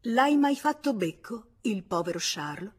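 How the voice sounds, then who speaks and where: A woman voicing a jealous young husband in a read novel, pressing and coaxing in a slightly husky voice. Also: sits low, animated, takes it slowly, heavily acted. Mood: needling.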